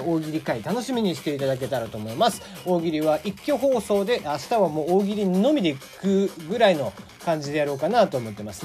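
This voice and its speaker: Hosting a laid-back solo podcast, this man from Kagoshima, Japan, speaks with a mix of Kagoshima and Hakata dialect. His casual radio talk is chatty, loaded with fillers, and marked by lively swings in pitch.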